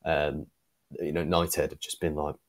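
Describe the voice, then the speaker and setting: Co-hosting a casual fan podcast over a video call on earphones, a man thinks aloud with plenty of ums. His voice is very deep, level in tone, and paced normally.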